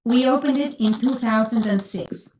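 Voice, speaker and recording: A woman voicing an interviewed orphanage founder on a textbook listening track, her voice slightly high. She gives even, carefully read answers. A faint hiss of noise sits behind her. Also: normal speed, close to an everyday voice, rough recording. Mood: calm. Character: warm-spoken female orphanage founder. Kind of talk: scripted course-audio interview.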